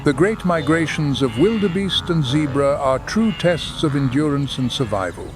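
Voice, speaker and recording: A man narrating a scripted nature documentary in a measured, dramatic delivery. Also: fairly high pitch, lively intonation. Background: background music.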